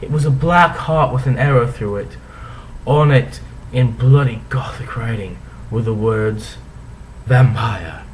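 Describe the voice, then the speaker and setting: A man's voice: medium pitch, a little slow, slight background noise, poor audio. A man giving a comic dramatic reading, theatrical in delivery, with sarcastic asides as he comments on the text. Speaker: reader and commentator.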